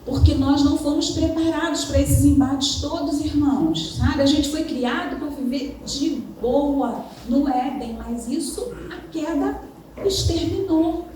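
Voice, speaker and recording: A woman's voice: high-pitched, unhurried, warm tone. A woman preaching a sermon in a church, talking conversationally and often addressing the congregation as brothers. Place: church hall. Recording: echoey hall from far off, faint noise.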